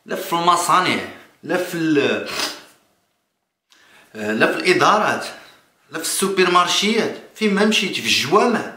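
Moroccan guy doing off-the-cuff political commentary, talks fast but keeps restarting, mid pitch, roomy echo. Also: expressive, sharp tone. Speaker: political vlogger. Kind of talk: spontaneous political commentary to camera. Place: small indoor room. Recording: echoey room.

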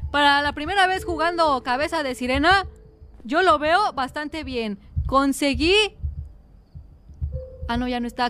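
A woman streamer with a Mexican accent and a high, fairly bright voice commentates a horror game during a livestream. She's dramatic and teasing, sometimes breaking into song.

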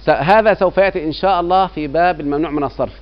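A man's voice: a little high, rapid-fire. A middle-aged man with an Egyptian Arabic accent teaching grammar, constantly asking his students whether they follow. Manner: keeps quizzing students with rhetorical checks. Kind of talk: classroom lecture. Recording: dull lo-fi recording.

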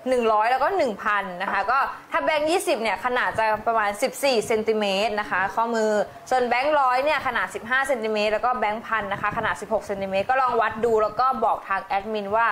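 A woman's voice: a little high, fairly bright tone, a little hiss or hum. A woman chatting cheerfully on a live stream and explaining things in a polite manner. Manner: quick and cheerful, polite sentence endings. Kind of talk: casual live-stream chat and product plug.

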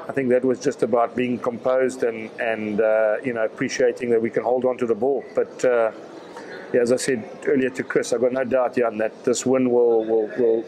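A man, answering reporters' questions at a post-match press conference in a measured way, often repeating words as he thinks. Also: mid-range voice, darkish tone, rough recording. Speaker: rugby director of rugby.

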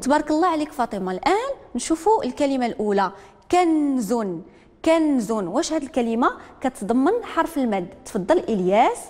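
Moroccan woman teacher, fairly high voice, quick talk, echoey room. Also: very animated, a little mellow. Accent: Moroccan Arabic. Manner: dictates slowly, repeats each word, calls on learners. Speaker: literacy teacher. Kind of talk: broadcast classroom lesson.

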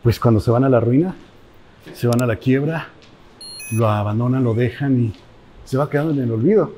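Male Mexican vlog host, mellow tone, hushed and wary narration, big derelict space. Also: mid-range voice, moderate pace, a little hiss or hum. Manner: hushed, cautious commentary while walking. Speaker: host, explorer. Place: large abandoned building.

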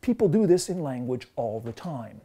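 Recorded on a lapel mic against a green-screen backdrop, this forties-aged Canadian man lectures on theology in a thoughtful, explanatory way, with fillers and restarts. His mid-range voice is dark and a little breathy, moving at normal speed with a sing-song lilt.

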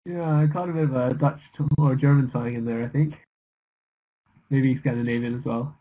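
A man's voice: medium pitch, fairly even intonation, normal speed, narrow, tinny audio. A young man analysing bridge bidding as a commentator, thoughtful and a little hesitant. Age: young adult.

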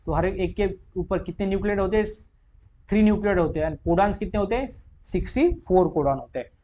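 Indian male tutor with a high voice, quizzes the class and answers himself, mixed Hindi-English. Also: mellow, a little hiss or hum. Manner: mixes Hindi and English, quizzes listeners with quick questions then answers. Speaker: biology teacher. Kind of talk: exam question walkthrough.

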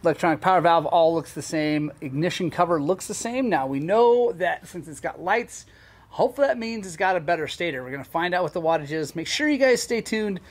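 A man's voice: a little high, lively intonation, fairly quick. A man hosting his own channel, giving a casual, hesitant walkaround of a new dirt bike. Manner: casual, hesitant, lots of fillers. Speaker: mechanic and channel host.

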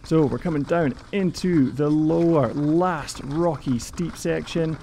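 A man with a gravelly edge to his voice talks over a downhill preview run. His tone sits on the warm, darker side. He keeps the commentary upbeat and chatty. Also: fairly high pitch, slow pace, a little hiss or hum. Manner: upbeat, chatty, laughs between remarks. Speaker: mountain bike race presenter.

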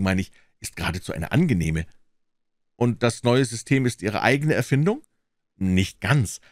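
A man voicing a smooth, evasive older male asylum director with a lively, insisting manner. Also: medium pitch, dry recording, studio quality, voice pushed down.

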